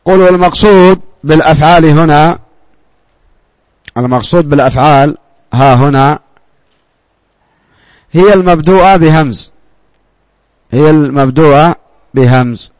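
Man, teacher, fairly high voice, quizzes the class, repeats key words, dry close sound. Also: moderate pace, pauses often, a little mellow, dry recording. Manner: asks the class questions and answers them himself. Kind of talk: classroom grammar lesson.

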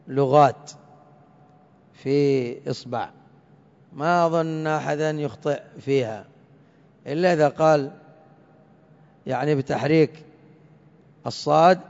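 Male teacher, slow careful delivery, repeats words for students, lo-fi sound, echoing hall. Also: fairly high pitch, a little mellow. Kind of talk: classroom grammar lesson. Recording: dull lo-fi recording in a reverberant hall.

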